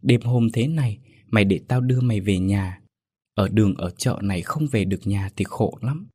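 A stern older man pleads earnestly and firmly in a spoken ghost story. A man plays him. The voice sits slightly low and husky, recorded close and dry. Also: moderate pace, mellow, dry recording.

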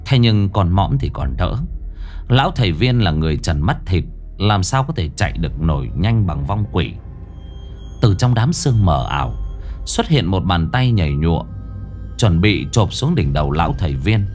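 Animated low-voiced male storyteller. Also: normal speed, soft background music. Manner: animated, expressive. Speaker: ghost story narrator. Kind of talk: storytelling narration.

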